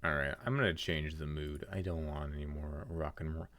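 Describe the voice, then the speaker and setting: A man's voice: extremely low pitch, steady tone, a little fast, fairly bright tone, no echo. A man livestreaming, chatting through a headset mic as he plays and reacts aloud to his game and his chat. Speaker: livestreamer and card game player. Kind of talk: live gameplay commentary.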